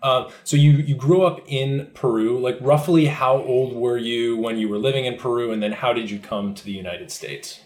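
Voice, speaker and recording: A man's voice: medium pitch, moderate pace, hardly any pauses. A man hosting a drinks podcast, reading an intro and then asking friendly questions with some fillers. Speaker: podcast host. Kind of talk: scripted intro then casual interview.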